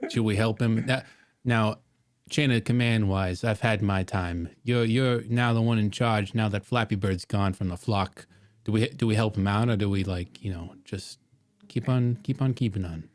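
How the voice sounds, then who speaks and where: A man playing a tabletop game, playful and gently wry in character. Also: lowish voice, normal speed, dry recording, clean studio sound. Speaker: player.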